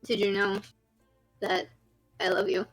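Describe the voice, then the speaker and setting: A woman's voice: medium pitch, very animated, a little slow, gravelly, a bit bright, soft background music. A woman player in a casual chat, playful and laughing often.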